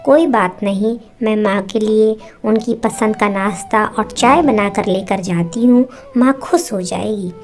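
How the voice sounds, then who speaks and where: Meek young daughter-in-law, soft voice, slow, acted by a woman, storybook, faint music. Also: medium pitch, natural voice. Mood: soothing.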